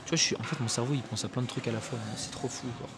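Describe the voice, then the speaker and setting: A young man in his twenties talks quickly and flatly to the camera at the gym, chatty and jumping between thoughts. His voice sits at an ordinary pitch with little rise and fall. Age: 20s. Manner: chatty, scattered, talks to the viewer. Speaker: fitness vlogger. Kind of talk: casual gym vlog chat.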